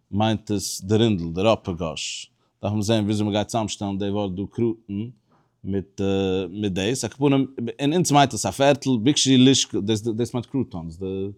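A man teaching a Talmud study lesson, explaining step by step in a halting way with many restarts and pauses. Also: mid-range voice. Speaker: religious teacher.

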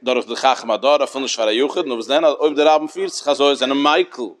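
A man's voice: medium pitch, fast talker. Man giving lesson. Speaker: Talmud teacher. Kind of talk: Talmudic study lecture.

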